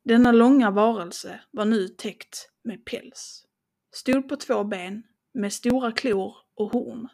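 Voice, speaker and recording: A woman reading a first-person horror story in slow, dramatic tones, dropping to a hush at tense moments. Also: fairly high pitch. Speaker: podcast host and storyteller.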